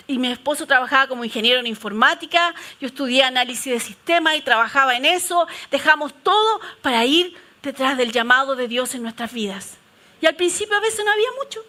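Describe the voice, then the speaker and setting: A middle-aged woman pastor preaches from the pulpit. Her voice sits high and rings bright, and she tells her stories with animated swings between firm proclamations and hushed prayer. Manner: animated storytelling preaching, shifting from loud declarations to soft prayerful tones. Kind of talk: sermon.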